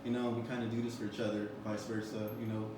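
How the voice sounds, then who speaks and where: A man's voice: lowish voice, level tone, fast. A man in his twenties hosting an interview, rambling with lots of "you know" and "um" fillers. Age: 20s. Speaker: interview host. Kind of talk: casual interview. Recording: roomy echo, far from the mic, background noise.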